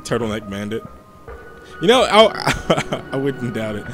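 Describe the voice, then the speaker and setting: A man's voice: medium pitch, big pitch swings, a little slow, music in the background. Joking young man gaming. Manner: joking, rambling. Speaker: gameplay host. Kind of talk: casual game commentary.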